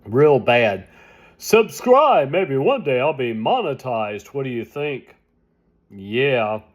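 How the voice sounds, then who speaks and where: Slow, rambling seventy-year-old man. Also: medium pitch, lively intonation. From United States. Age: 70s. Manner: rambling, complaining, repeating himself. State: sleepy and tired. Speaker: vlogger. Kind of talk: casual vlog monologue.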